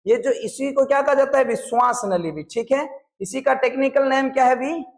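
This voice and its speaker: High-voiced Rajasthani man teaching class. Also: moderate pace. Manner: keeps quizzing the class and drilling terms by repetition. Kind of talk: classroom lecture.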